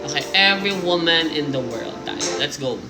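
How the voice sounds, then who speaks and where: A woman hosting a live stream, reading listener stories aloud in lively mixed Tagalog and English, with jokes and asides. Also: deep voice, moderate pace. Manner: animated storytelling, Taglish, jokes and asides. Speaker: livestream host. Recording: roomy sound with music playing behind.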